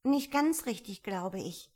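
A woman voicing a polite, timid young girl in a storybook reading, pitched up and eager. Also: expressive, a little slow. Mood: anxious. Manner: higher, eager, slightly tearful. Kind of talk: audiobook character voice.

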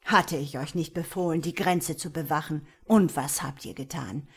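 A woman's voice: low-pitched, steady tone, unhurried, breathy edge, full character voice. A woman voicing a ruthless male vampire prince who gives stern, threatening orders in an audiobook. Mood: stern rebuke. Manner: stern, commanding, rising to shouting.

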